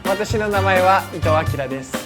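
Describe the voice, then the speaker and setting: A woman chef explaining her dish in a quick, matter-of-fact way. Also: mid-range voice, over loud music.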